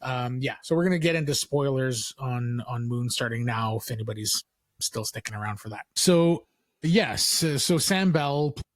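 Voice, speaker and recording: A man hosting a podcast in casual chat, relaxed and filler-heavy, often restarting his sentences. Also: medium pitch, normal speed, no echo. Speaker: podcast host.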